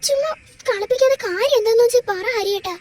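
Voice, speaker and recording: A young wife, innocent and bewildered, pleads in a very high, thin voice and keeps asking what is wrong, voiced by a performer. The home-made doll drama carries a faint hiss behind her. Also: fast. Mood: pleading. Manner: pleading, confused, rising to tearful.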